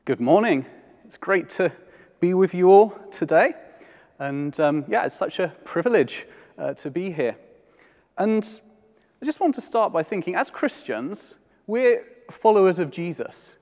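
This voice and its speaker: A man preaching a sermon in a church, conversational and halting, often restarting his sentences. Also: high-pitched, animated, a little mellow, in a large hall.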